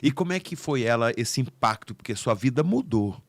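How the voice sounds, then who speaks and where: A man's voice: mid-range voice, animated, normal speed, no echo. A man, a bishop, interviewing a guest with probing, conversational questions.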